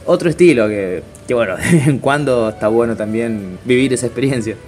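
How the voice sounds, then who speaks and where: Speaking with animation in a medium-pitched, slightly mellow voice, a thirty-something Chilean circus performer fields interview questions, pausing, restarting, and using lots of fillers. Faint music plays behind him.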